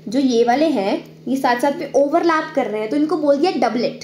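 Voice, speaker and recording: High-voiced woman teaching biology. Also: moderate pace, a little mellow, reverberant, slight background noise. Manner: explains step by step, checks in with "ठीक है"; drawing on screen while talking. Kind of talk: online exam-prep lecture.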